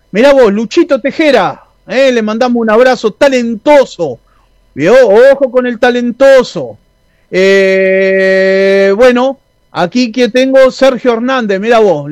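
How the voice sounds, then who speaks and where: This Uruguayan radio host's high-pitched voice comes through a dry recording. He speaks informally, reading messages from listeners and filling his talk with fillers and restarts.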